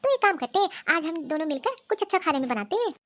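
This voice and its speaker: A woman's voice: very high voice, sing-song, fast talker, a bit bright, dry recording, exaggerated voice. A woman voicing a helpful youngest daughter-in-law in a cartoon story; she is agreeable and asks puzzled questions.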